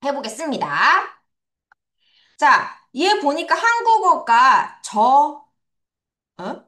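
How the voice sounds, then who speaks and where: High, animated woman teaching children. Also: slow pace. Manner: animated, playful sound words, drills pronunciation. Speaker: English teacher. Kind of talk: children's vocabulary lesson. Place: academy classroom or studio. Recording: echoey room.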